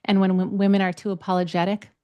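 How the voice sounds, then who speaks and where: A woman co-hosting a podcast, speaking thoughtfully and gently assertively, with some hesitation. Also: mid-range voice, level tone, fast talker, dull audio. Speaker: podcast co-host. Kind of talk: conversational interview.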